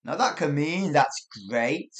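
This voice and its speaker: An English teacher and podcast host gives a casual spoken English lesson, talking slowly in a lively, fairly high-pitched voice. He's chatty, corrects himself often, and laughs frequently.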